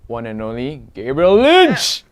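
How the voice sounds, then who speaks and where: A man's voice: medium pitch, huge pitch swings, unhurried. A man talking casually and informally to viewers as a vlogger. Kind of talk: casual vlog chat.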